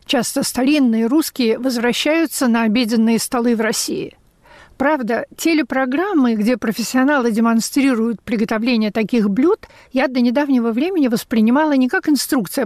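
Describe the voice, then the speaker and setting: A woman's voice: fairly high pitch, moderate pace, darkish tone, dry recording, studio quality. Woman reading a reflective radio essay. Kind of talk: scripted memoir narration.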